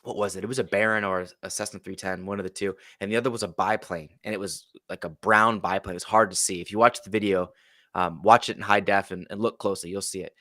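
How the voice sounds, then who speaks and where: A man recounting a tale as a podcast guest, throwing himself into the quoted lines. His voice sits low and sounds close and dry, with no room around it. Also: quick pace, no echo. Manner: animated storyteller acting out quotes. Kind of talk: casual storytelling.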